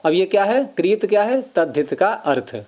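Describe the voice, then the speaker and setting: A man's voice: high voice, big pitch swings, moderate pace, darkish tone. A man teaching Sanskrit grammar in an informal class, explaining patiently with everyday examples.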